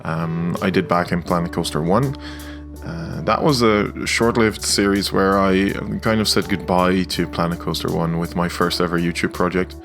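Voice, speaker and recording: A young man from the Netherlands who makes video game content talks loosely over his gameplay video with a Dutch accent. His voice is low-pitched and steady at a normal pace, his speech hesitant and packed with filler sounds, and faint guitar music runs in the background.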